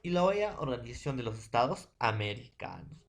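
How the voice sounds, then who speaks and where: A Peruvian man gives a secondary school language lesson. His voice sits at a middle pitch, and he circles back over each point, tagging questions onto nearly every sentence. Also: very animated, fairly quick, gravelly. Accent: Peruvian Spanish. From Peru. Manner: repetitive, keeps adding tag questions and "profesor". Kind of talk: remote class lecture.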